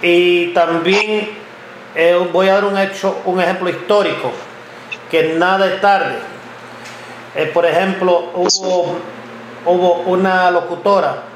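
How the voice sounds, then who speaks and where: Male interviewer, 50s, high register, halting delivery, echoey noisy recording. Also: steady tone. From United States (Ohio). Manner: halting, repeats words often while telling a story. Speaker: interviewer, blogger and journalist. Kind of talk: conversational interview. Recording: echoey room with background noise.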